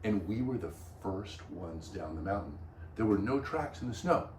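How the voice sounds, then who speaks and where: A man's voice: fairly low pitch, lively intonation, moderate pace, darkish tone, far from the mic, slight background noise. A man hosting a vlog, explaining things in casual chat with an enthusiastic, emphatic manner. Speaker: vlog host. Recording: roomy echo.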